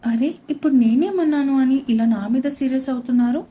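A woman voicing an innocent young wife who speaks softly and pleadingly in a storybook reading. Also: high voice, fairly quick, close to an everyday voice. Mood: puzzled.

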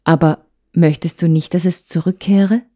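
A woman's voice: lowish voice, steady tone, normal speed, dark tone, lightly acted. A woman reading as a hurt young wife. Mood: questioning. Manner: emotional, urgent, reproachful.

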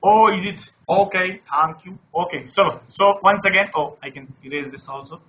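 Bright-voiced man teaching online. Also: high-pitched, moderate pace, muffled recording. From India. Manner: conversational, repeats words and phrases. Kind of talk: interactive online lesson. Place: online class over screen share.

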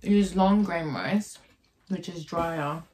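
A young woman co-hosting an eating video, chatting casually and excitably while she eats. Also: on the low side, noisy background. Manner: excitable, quick to gasp and laugh. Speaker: co-host of an eating channel.

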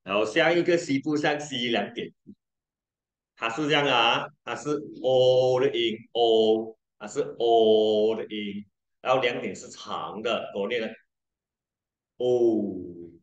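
Man, pronunciation tutor, slow patient delivery, drawn-out vowels, echoey room. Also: medium pitch, fairly even intonation. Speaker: English pronunciation teacher. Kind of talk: tutoring lesson, mixing Mandarin and English.

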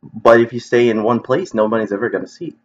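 A man talking earnestly to viewers from home in a halting, reflective vlog monologue, often restarting his sentences. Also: mid-range voice. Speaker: video creator. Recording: dull lo-fi recording.

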